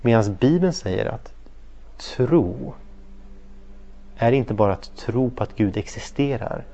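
Animated Swedish-speaking Bible teacher, man. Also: medium pitch. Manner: animated storytelling, acts out quoted voices, checks in with listeners often. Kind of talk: interactive Bible study lesson.

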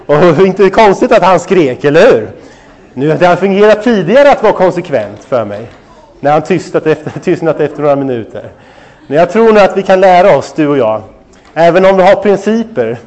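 A man in his thirties preaching a sermon on parenting, telling a family story with lively asides straight to his listeners. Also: fairly high pitch. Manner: animated storytelling, addresses listeners directly. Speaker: pastor.

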